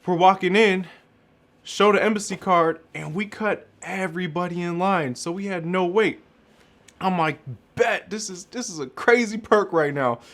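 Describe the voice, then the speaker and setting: Slangy young man telling a story. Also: a little high. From Chicago. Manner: animated slang-filled storytelling, acts out quotes. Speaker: vlogger telling a travel story. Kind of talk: casual storytelling.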